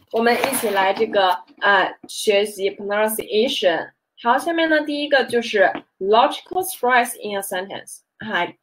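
A woman's voice: medium pitch, poor audio. A woman teaching a Mandarin lesson, switching into English to explain and often checking with the learner. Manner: slow, drawn-out teaching with frequent fillers and checks. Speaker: Chinese teacher. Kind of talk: bilingual language lesson.

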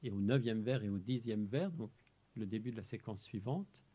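A man with a mellow, slightly husky voice talks through a poem line by line. He is measured and explanatory, lingering on single words as he presents his translation work. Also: fairly low pitch. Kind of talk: talk on translating poetry. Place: amphitheater.

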